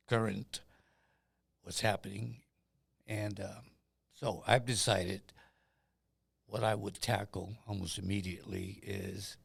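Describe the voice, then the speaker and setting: An older man from Guam with a gravelly, rough-edged voice that sits a little low. He speaks as a candidate in a relaxed interview, chatty and jovial, and slips in small anecdotes. The sound is close and dry. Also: dry recording. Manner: jovial, chatty, tells anecdotes with quoted dialogue. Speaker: political candidate. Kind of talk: casual interview talk.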